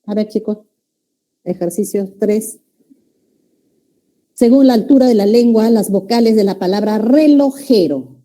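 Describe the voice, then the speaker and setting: Peruvian woman teacher, dark mellow tone, explains step by step and checks in with the class. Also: medium pitch, measured pace, pauses often. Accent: Peruvian Spanish. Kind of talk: university-prep lecture.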